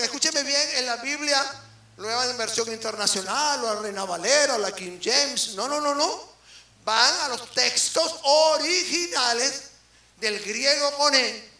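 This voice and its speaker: A man with a Venezuelan accent preaching a sermon as an apostle, swinging between loud emphasis and quiet asides and firing questions at the congregation. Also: very high-pitched, distant mic. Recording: roomy hall from off the mic, faint music.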